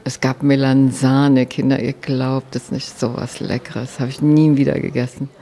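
Woman, low pitch, warm dark tone, personal storytelling, animated, hesitant fillers. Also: normal speed, gravelly. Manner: lively, animated retelling with frequent hesitation fillers. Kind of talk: personal anecdote told to listeners.

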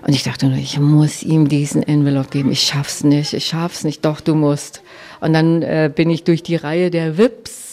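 A woman telling a personal anecdote to listeners, lively and animated, with frequent hesitations. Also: low voice, normal speed. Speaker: storyteller.

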